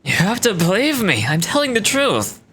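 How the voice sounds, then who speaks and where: A man's voice: sits high, wildly swooping pitch, moderate pace. An actor playing a desperate male prisoner in a video game, with chatter behind. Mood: desperate, pleading. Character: desperate male prisoner pleading mistaken identity.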